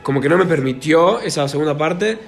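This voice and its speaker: A man's voice: a little high, animated, brisk, gravelly. A man co-hosting an improvised comedy radio show, chatty and playfully probing. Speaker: co-host.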